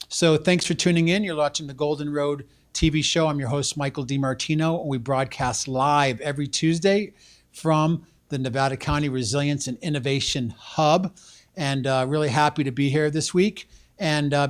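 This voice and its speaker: Brief: male host, casual live-TV patter, slightly higher pitch, lots of uhs. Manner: rambling, with many uh fillers and restarts. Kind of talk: casual live local TV talk.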